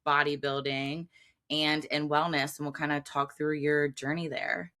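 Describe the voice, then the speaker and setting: Woman podcast host, low voice, bubbly and upbeat, casual interview. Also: little pitch movement, a little slow, sharp tone. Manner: bubbly, enthusiastic, cheering on her guest.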